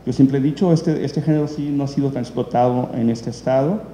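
A man's voice: medium pitch, a little fast, mellow. Rambling man in an echoey hall. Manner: rambling, many fillers and restarts. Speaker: event host presenting documentaries. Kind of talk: unscripted spoken introduction at a press event. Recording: echoey hall, faint room noise.

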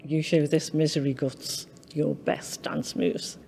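A woman's voice: low voice, little pitch movement, takes it slowly, gravelly, mellow, breathy edge, heavily acted. Woman as a sarcastic, unimpressed teacher, dry delivery, hall reverb. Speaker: actor in a scene. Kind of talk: scripted drama scene.

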